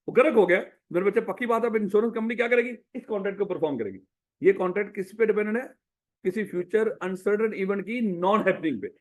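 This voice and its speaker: Man, law lecturer, fairly high voice, animated, asks the class questions. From Pakistan. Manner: lively, asks the class questions and answers them himself; calls students "my child". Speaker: business law teacher.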